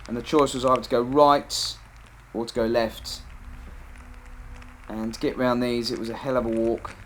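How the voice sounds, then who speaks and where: A man's voice: mid-range voice, level tone, normal speed, a bit bright, slight background noise, poor audio. A man giving a casual, plain-spoken, conversational voice-over for his own amateur hunting footage. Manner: plain, matter-of-fact, conversational. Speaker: amateur hunter narrating own video. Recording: music behind the voice-over. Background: background music.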